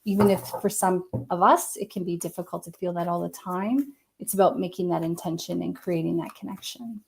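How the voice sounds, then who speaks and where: Woman doing a psychic reading on a live stream, soft and hesitant, lots of likes and ums. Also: fairly low pitch, fairly even intonation, brisk, vocal fry, a little hiss or hum. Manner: gentle, searching, hedging with many likes and ums. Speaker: medium giving live readings.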